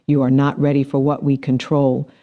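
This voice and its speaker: A man voicing a calm, aloof female alien envoy in a storybook narration, speaking in cool, solemn pronouncements. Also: medium pitch, normal speed, muffled recording, lightly acted. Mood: cold, solemn.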